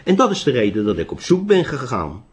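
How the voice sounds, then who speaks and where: A man's voice: mid-range voice, huge pitch swings, a little fast. A man voicing a polite, unsure young wandering monk who answers hesitantly. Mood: earnest.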